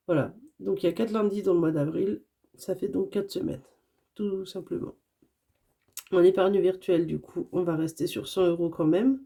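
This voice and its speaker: A woman who is sick with a hoarse voice, chatting casually to camera as a budget vlogger, hesitant and often correcting herself. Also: mid-range voice, warm tone. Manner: hesitant, many fillers and self-corrections.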